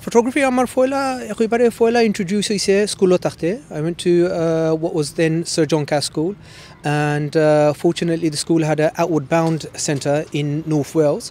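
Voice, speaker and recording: A man's voice: fairly high pitch, racing, darkish tone, a little hiss or hum. A man in his forties from Bangladesh, raised in East London, speaking with a London accent tinged with Sylheti Bengali in a news interview, hesitant, with many ums, and slipping between English and Sylheti. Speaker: photographer.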